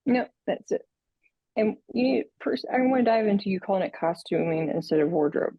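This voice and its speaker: A woman co-hosting a podcast in casual chat, halting and searching for words. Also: medium pitch, animated, breathy edge, no echo, muffled recording. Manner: halting, many fillers and restarts. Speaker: podcast co-host.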